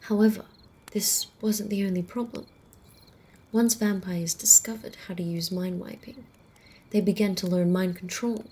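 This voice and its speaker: In an ASMR roleplay, a woman with a lowish voice plays a wry female vampire telling a tale in a soft, breathy half-whisper, with measured, deliberate pauses, like slow hushed campfire storytelling. Her character is protective yet faintly condescending toward humans. The audio quality is poor, with faint outdoor night ambience of crickets and other night insects behind her.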